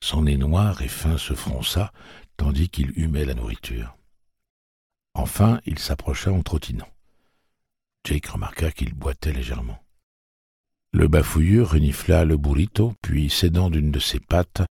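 Gravelly deep male narrator. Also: expressive, unhurried, warm tone, dry recording, studio quality. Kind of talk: audiobook narration.

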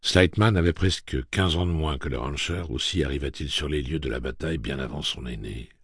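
Very deep gravelly male narrator. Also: a little fast, no echo, clean studio sound. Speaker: audiobook narrator. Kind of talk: scripted narration.

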